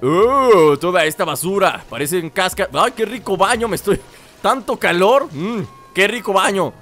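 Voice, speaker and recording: A young man chatting through a gameplay session. His voice sits fairly high, and he jokes around while reading characters' lines aloud. Faint game music runs behind him. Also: expressive, moderate pace, a bit bright. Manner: jokey, reads game lines in put-on voices. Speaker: gaming youtuber. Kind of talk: playful gameplay commentary, reading dialogue aloud.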